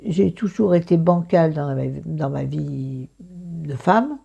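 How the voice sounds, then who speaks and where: A woman with a croaky morning voice and vocal fry, chatting casually through a book review in a self-mocking, digressive way, thinking aloud. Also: sits low, animated, slow, warm tone, dull audio.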